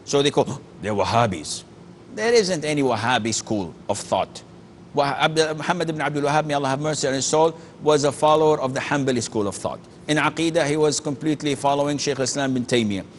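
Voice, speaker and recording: A sheikh answers callers' questions on a call-in religious Q&A, speaking briskly in a fairly high voice. He is earnest and emphatic, often restarting and using Arabic phrases. A faint rumble sits in the background.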